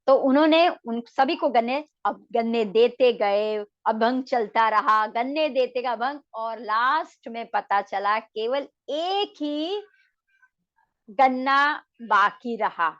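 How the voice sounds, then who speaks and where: A woman, a naturopathy and yoga doctor, tells a devotional story in a lively way and mixes English words into her speech. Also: fairly high pitch, slow, highs cut off.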